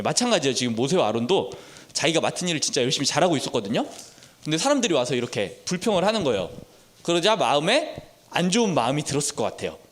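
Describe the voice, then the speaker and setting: Male Sunday school teacher, children's sermon, high and animated, storytelling, 30s. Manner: storytelling, asks children questions.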